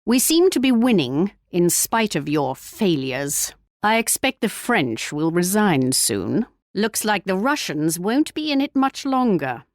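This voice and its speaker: A woman's voice: medium pitch, very animated, measured pace, no echo, clean studio sound. Haughty Queen Elizabeth, theatrically swooping. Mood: confident, composed. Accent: British English. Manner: pompous, formal, archly polite. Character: regal, wry, haughty English queen commanding armies. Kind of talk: theatrical video game character voice lines.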